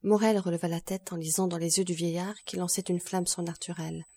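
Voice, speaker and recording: A woman narrating a classic novel in an audiobook, measured and even. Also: on the low side, slightly rough. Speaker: audiobook reader.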